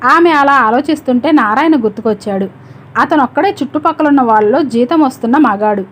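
A woman telling a story as an audiobook, reading at a steady, measured rate. Her voice is notably high and clear throughout. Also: a little hiss or hum. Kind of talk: audiobook narration.

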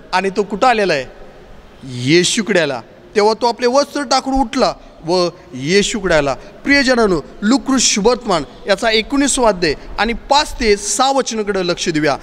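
A man's voice: sits high, fairly bright tone. A man preaching a sermon in a church, using repeated, emphatic pleading refrains. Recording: long church reverb.

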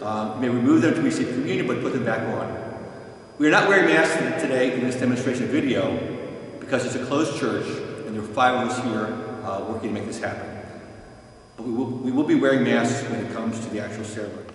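An older man, a pastor, gives calm, step-by-step instructions and often restarts his sentences. He stands some distance from the microphone in a large, empty church, and his voice rings with a long reverberation. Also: mid-range voice, quick pace, slight background noise. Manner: calm, plain explaining with frequent restarts. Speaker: parish pastor. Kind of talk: instructional walkthrough. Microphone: far camera. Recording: echoey church from far off.

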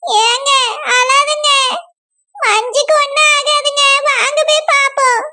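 A woman plays an anxious young bride with a Kanyakumari accent, in a very high, bright voice. She frets and asks pleading questions in a village drama. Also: steady tone, slow. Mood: worried. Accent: Kanyakumari Tamil. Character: anxious young bride, worried and self-blaming.

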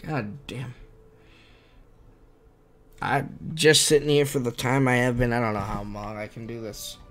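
A man's voice: mid-range voice, steady tone, measured pace, a bit bright. A man giving casual live-stream commentary while playing a game, swearing freely. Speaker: gaming streamer.

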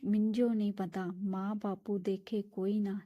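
A woman voicing a frightened orphan boy of about nine, speaking slowly, softly and tearfully in a storybook reading. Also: mid-range voice, level tone, no room sound, lo-fi sound, lightly acted.

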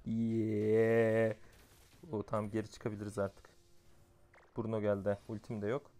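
A young man giving casual commentary over his own mobile gameplay, excitable, going from muttered grumbling to shouted outbursts. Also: fairly low pitch, unhurried. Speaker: gamer playing a mobile game.

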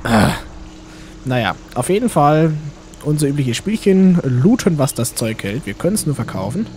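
A man's voice: fairly high pitch, big pitch swings, normal speed, a little mellow, a little hiss or hum. A man giving casual game commentary, rambling to himself and to the game's characters. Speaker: let's play host. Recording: game music behind the voice.

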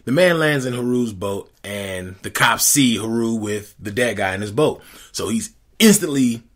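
A man co-hosting a casual movie recap chat, joking and breaking into fast, excited rants. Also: mid-range voice. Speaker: co-host of a movie recap show.

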